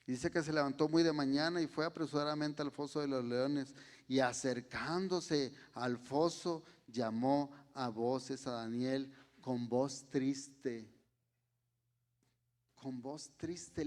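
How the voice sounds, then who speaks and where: A man with a Mexican Spanish accent delivers a sermon, his voice sitting somewhat high for a man. He speaks slowly and deliberately, pausing to ask his listeners whether they follow. His pace stays unhurried throughout. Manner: slow, deliberate preaching with rhetorical "¿sí?" checks. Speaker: preacher.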